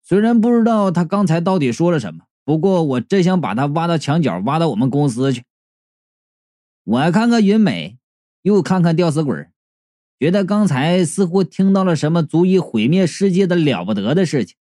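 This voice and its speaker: Dude reading a funny web novel out loud, bouncy playful delivery, soft mellow tone, dry close sound. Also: male voice, fairly high pitch, normal speed, dry recording. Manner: lively, playful, acts out dialogue. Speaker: audiobook narrator. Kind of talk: comic first-person audiobook narration.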